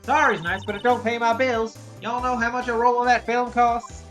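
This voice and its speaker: A woman voicing a brash, touchy southern woman photographer in a video game, with an exaggerated Southern drawl and a loud, folksy, combative manner. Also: fairly high pitch, fairly even intonation, normal speed, soft background music, voice pushed up, close to an everyday voice. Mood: feisty. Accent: exaggerated American Southern drawl, put on.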